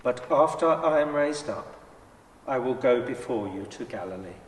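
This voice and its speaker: A man's voice: mid-range voice, lively intonation, lightly acted. Distant, echoing, solemn Jesus, acted by a man. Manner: solemn, measured, declamatory. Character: Jesus, a solemn, authoritative adult male teacher. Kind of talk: dramatised church scripture reading. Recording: echoey church hall, far from mic.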